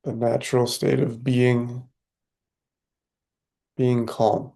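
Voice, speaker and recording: This guided meditation comes from a man whose medium-pitched voice is gravelly. He speaks softly and calmly at an unhurried pace, letting long pauses settle in.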